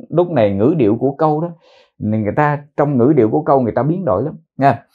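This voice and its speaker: A man teaching English pronunciation, repeating words slowly and explaining in mixed Vietnamese and English. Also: mid-range voice, mellow, dull audio. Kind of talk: pronunciation lesson.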